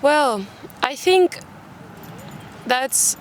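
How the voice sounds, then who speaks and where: Her voice sits high, with lively intonation and a very slow pace. She's a young Spanish woman from Málaga with a British accent, appearing as a podcast guest in a relaxed interview, recorded outdoors in a park where faint urban traffic hums in the background.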